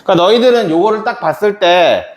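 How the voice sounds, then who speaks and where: A man's voice: sits high, lively intonation, fast talker. A man teaching a math lesson to a class, chatty and quizzing students by name. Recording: echoey classroom.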